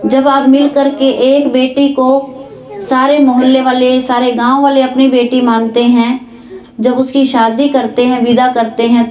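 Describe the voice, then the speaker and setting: A woman's voice: sits high, warm tone. A woman giving a spiritual discourse at a village gathering, explaining her points with spoken examples. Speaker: spiritual speaker. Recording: echoey room.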